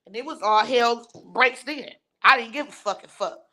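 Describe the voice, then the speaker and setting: A woman's voice: on the high side, moderate pace, sharp tone. A woman hosting a live stream, ranting bluntly and scornfully while reading and answering her viewers' chat. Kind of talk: heated live-stream rant.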